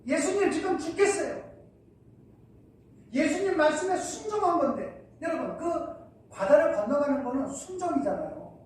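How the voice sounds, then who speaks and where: Male pastor preaching from a distance in a church; booming echo, faint room noise. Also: expressive, normal speed, darkish tone. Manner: preaching with rhetorical questions. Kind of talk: sermon. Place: church hall. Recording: echoey church from far off.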